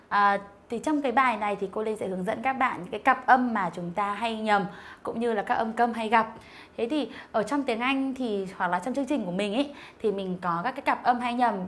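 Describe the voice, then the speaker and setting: Young woman teacher with a mid-range voice, patient, models sounds slowly, asks pupils to check in. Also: mid-range voice. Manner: explains patiently, with many fillers and tag questions to pupils. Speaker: English teacher. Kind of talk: online lesson.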